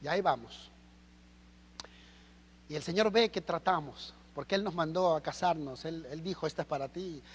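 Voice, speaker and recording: A Mexican man preaching a sermon as pastor, animated and full of rhetorical questions. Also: fairly high pitch, normal speed, pauses often, slightly rough, in a large hall. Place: church hall.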